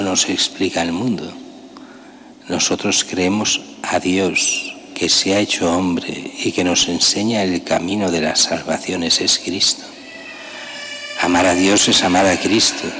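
Deep-voiced older priest in a church. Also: male voice. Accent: Spanish. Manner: conversational, emphatic, rhetorical questions. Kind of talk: sermon. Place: large church. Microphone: gooseneck lectern mic. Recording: long church reverb, faint hiss.

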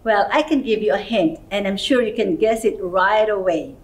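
A woman's voice: mid-range voice, normal speed, far from the mic, low-quality recording. A middle-aged woman, an early childhood educator, talks as if to a toddler in a simple, encouraging, sing-song way, asking little questions in an indoor room. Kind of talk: children's lesson, talking as if to a toddler. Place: indoor playroom-style studio, seated.

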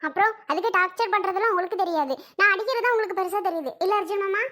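A woman's voice: very high voice, racing, a bit bright. A woman voicing a tired pregnant young wife who defends herself with whining complaints, in a family comedy skit. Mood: defensive.

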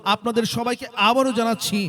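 Very high-pitched Bangladeshi man, hard-sell ad. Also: steady tone, fast talker, bright, forceful tone. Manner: insistent, repetitive sales pitch urging listeners to hurry. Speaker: sales announcer for a promotional vehicle. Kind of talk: hard-sell promotional ad announcement.

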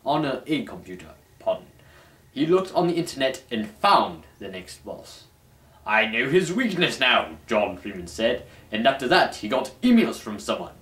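A young adult man acts as host and reader for a mock-dramatic reading, putting on a formal, pompous flair at normal speed. His medium-pitched voice swings widely and energetically. A distant camera mic in a small, dim room at home captures a roomy, echoey sound.

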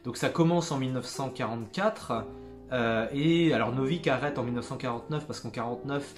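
A man's voice: medium pitch, brisk, soft background music. Hesitant man reviewing a book. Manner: hesitant, many fillers and restarts; jokes about his own English accent. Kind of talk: casual spoken book review.

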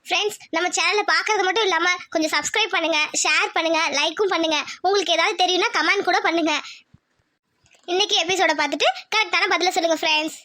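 A woman's voice: extremely high pitch, fairly even intonation, fast, sharp tone. A woman hosting a cartoon channel and addressing viewers with friendly appeals. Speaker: channel host.

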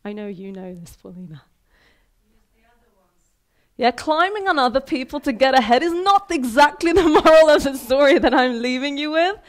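Lively high-voiced woman speaker on stage. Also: moderate pace. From Iran, raised in Sweden. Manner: lively, conversational, asks the audience questions. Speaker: keynote speaker. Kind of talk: motivational talk. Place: theater stage with a large audience hall. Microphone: headset mic.

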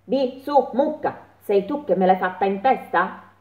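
A woman voicing a small nearsighted female mole who keeps asking the animals questions in a squeaky, exclaiming way, recorded with a tinny, phone-like sound in an echoey room. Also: lively intonation, unhurried, natural voice. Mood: questioning.

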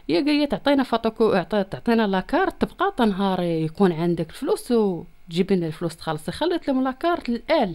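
A woman's voice: fairly high pitch, darkish tone. A woman in her thirties with a Moroccan accent, making a plaintive, insistent personal plea into a handheld microphone in an interview at home. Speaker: interviewee appealing for help. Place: small room at home. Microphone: handheld reporter's microphone close to the mouth.

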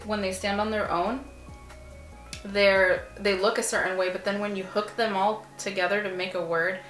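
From her couch in a small room at home, a chatty 20-something artist-vlogger, a native Arabic speaker, does a relaxed Q&A while painting and says "like" often. Her voice is medium-pitched at a normal speed. Soft music plays in the echoey room, recorded by a camera a few feet away.

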